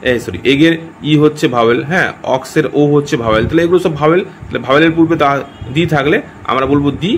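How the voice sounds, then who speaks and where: Fast-talking male teacher. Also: a little high, a little hiss or hum. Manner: checks in with listeners often, repeats and corrects himself. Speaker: grammar teacher. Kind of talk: explanatory lesson.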